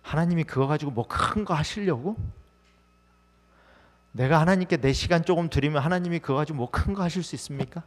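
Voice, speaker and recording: A man's voice: fairly high pitch, brisk. A male pastor preaching a sermon in a conversational way, asking the congregation many questions. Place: church sanctuary. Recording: long hall reverb.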